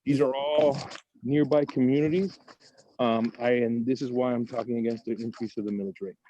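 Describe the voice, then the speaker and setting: A man's voice: mid-range voice, steady tone, brisk, dark tone, slight background noise. Man calling in over a dull video-call line. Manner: earnest, methodical, lists numbers one after another. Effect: heard over a video call line. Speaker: caller speaking at public comment. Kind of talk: prepared public comment, reciting figures. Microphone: video call app. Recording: dull lo-fi call audio, dry.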